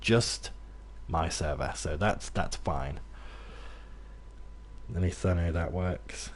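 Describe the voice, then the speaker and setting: This gaming streamer talks slowly in a deep voice. Young and from near Birmingham, he has a mixed British accent that isn't Brummie, and his casual commentary to viewers rambles along with fillers and false starts.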